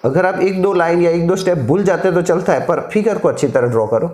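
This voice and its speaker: A man's voice: high voice, animated, brisk, a little mellow. A middle-aged man teaching a physics lesson, explaining step by step and mixing in English terms. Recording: echoey room.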